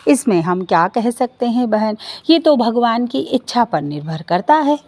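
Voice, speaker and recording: Woman doing a gentle, kindly neighbor lady. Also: fairly high pitch, normal speed. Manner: calm, soothing.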